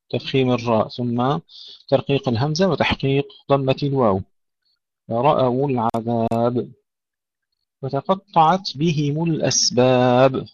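A man teaching tajweed, slowly chanting verses and then explaining pronunciation points in quick remarks. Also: mid-range voice, a little mellow, no room sound, dull audio. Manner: slow melodic Quran recitation alternating with quick explanatory remarks. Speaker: Quran recitation teacher.

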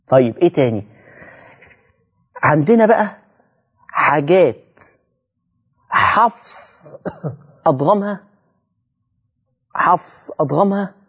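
A man's voice: on the high side, husky. Egyptian man teaching with muffled sound. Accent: Egyptian Arabic. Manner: explains slowly, repeating words and asking rhetorical questions. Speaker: Quran recitation teacher. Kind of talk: televised religious lesson.

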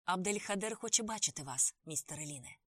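Brief: gruff male driver, sullen, stiffly polite, low and quiet, as a woman narrator puts him on. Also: animated, brisk, dry recording, clean studio sound.

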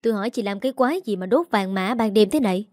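Woman doing a sharp-tongued young in-law, fast and accusing, storybook reading. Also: mid-range voice, no room sound, clean studio sound, lightly acted.

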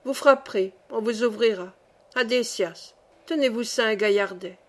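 A woman's voice: fairly high pitch, moderate pace, lightly acted. A woman voicing a kindly old male saint who keeps the gate of heaven, speaking in a genial, reassuring way.

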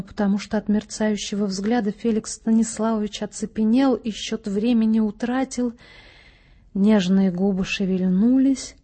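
Female audiobook narrator, measured and expressive, with a dark, husky voice. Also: medium pitch.

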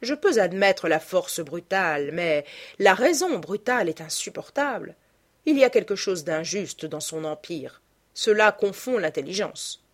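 A woman's voice: on the low side, expressive, unhurried. Woman voicing a dry, mocking aristocrat. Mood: ironic. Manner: dry, ironic. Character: witty cynical young aristocrat, dry and mocking.

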